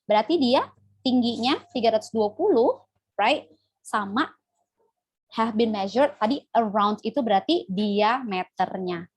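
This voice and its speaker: A young woman teaches English in a casual live online lesson. Her voice sits slightly high. She chats with her viewers as she goes and corrects herself on the fly. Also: lively intonation, unhurried, slightly rough. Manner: chatty, addresses viewers as guys, self-correcting.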